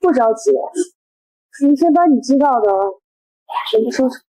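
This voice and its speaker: Actress for a controlled, vengeful young woman; high voice, quiet menace. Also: close to an everyday voice, rough recording. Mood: cold. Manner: measured, coolly threatening. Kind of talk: short web drama acting.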